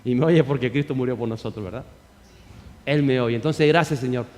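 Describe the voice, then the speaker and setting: A man's voice: medium pitch, a little fast, darkish tone, long reverb tail. A man preaching a sermon as pastor, emphatic, firing rhetorical questions and calling on the congregation to repeat after him.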